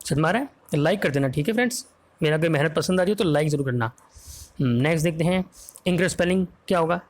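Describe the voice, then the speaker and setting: Indian male tutor, slightly high voice, patient spelling-out delivery, constant check-ins with students. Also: lively intonation. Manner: explains slowly, spells words letter by letter, asks "ok?" and "है ना?" often. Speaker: English grammar teacher. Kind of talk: exam-prep vocabulary lesson in Hindi with English words.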